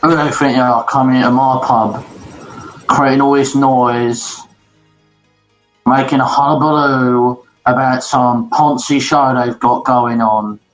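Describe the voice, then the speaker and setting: A man's voice: medium pitch, steady tone, slow, long pauses, soft background music, natural voice, low-quality recording. A man voicing a drunk, scornful common man grumbling in a pub during a tabletop game. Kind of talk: tabletop role-play voice.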